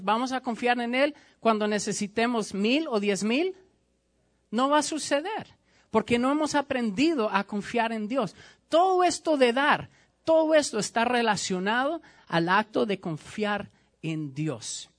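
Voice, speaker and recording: A man's voice: sits high, fairly bright tone. A man preaching a sermon as pastor, emphatic and repetitive, speaking directly to his congregation.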